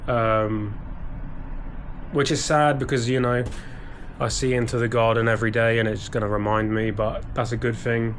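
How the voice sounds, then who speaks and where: Talking to camera in his small home office, this British man, an eBay reseller vlogger, gives a casual, rambling vlog with plenty of ums and false starts. His fairly low voice is somewhat stuffy and bunged up, over slight background noise.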